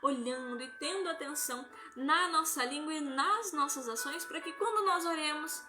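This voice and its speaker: Woman, high voice, chatty faith talk from home on a phone livestream, music going behind her. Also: normal speed. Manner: conversational, tags nearly every phrase with a questioning "né?". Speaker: lay religious speaker. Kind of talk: informal devotional talk on a live stream. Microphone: phone or webcam on a live stream.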